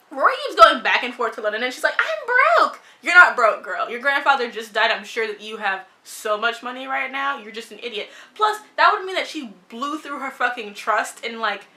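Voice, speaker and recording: A woman's voice: on the high side, pushed and bright. A young woman reviewing a TV show in casual, opinionated chat, blunt and sarcastic, swearing freely and saying "like" a lot.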